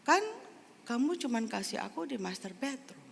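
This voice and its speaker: A woman preacher voicing God in a sermon story, quiet, gentle and matter-of-fact. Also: on the high side, expressive, moderate pace, vocal fry, long reverb tail, a little hiss or hum, voice pushed up. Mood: patient. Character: calm gentle male God, patient.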